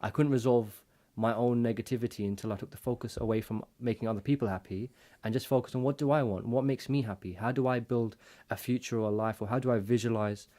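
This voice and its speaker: A man's voice: mid-range voice, fairly even intonation, quick pace, hardly any pauses, mellow. A man co-hosting a casual chat over drinks, talking in an earnest, reflective way that rambles with restarts. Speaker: co-host.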